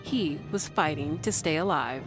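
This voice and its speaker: A woman's voice: deep voice, moderate pace. Woman narrating a documentary over music. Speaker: narrator of a television profile.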